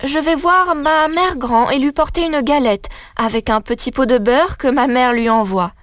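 A woman's voice: high-pitched, moderate pace, a bit bright, dry recording, pitched above the performer's own voice. A woman voicing a naive, trusting little village girl in a storybook tale, with an eager childlike voice.

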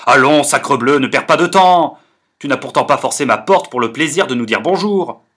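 A man voicing an irritable young man who scolds loudly and impatiently in a storybook reading. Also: mid-range voice, animated, moderate pace, pitched above the performer's own voice. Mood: exasperated. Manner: angry, scolding, loud.

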